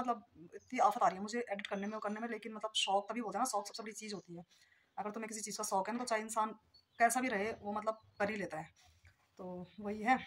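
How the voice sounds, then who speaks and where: A woman's voice: mid-range voice, a little hiss or hum. A woman in her thirties vlogging casually about her day at home, talking on with many fillers and a cough she mentions. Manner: chatty, rambling with many fillers. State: coughing, sore throat. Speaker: vlogger and mother. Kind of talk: casual daily vlog chat.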